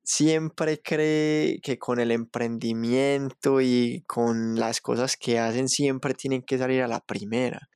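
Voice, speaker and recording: Smooth-voiced man host. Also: mid-range voice, fairly even intonation, takes it slowly, hardly any pauses, darkish tone, dry recording, clean studio sound. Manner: encouraging, uses voseo. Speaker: podcast host. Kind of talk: casual conversation.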